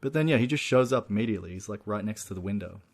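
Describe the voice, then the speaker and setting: Lower-voiced man recapping a film. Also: lively intonation, rapid-fire. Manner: chatty, recaps at length with fillers like "you know" and "look". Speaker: podcast co-host. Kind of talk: casual film discussion.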